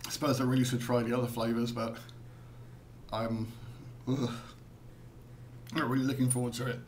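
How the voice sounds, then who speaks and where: A man's voice: medium pitch, flat delivery, moderate pace, a little mellow, a little hiss or hum. A British man in a casual taste-test vlog, eating sour candy and talking through winces and groans. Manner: talks with sour candy in his mouth, wincing and groaning. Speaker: taste tester presenting to viewers.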